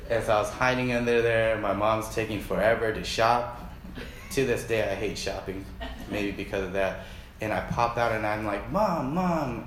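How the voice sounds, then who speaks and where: A man's voice: fairly low pitch, reverberant, a little hiss or hum. A man preaching in a casual, joking way, acting out the Bible characters as he tells a story to his listeners. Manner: animated, jokey, acts out Bible characters.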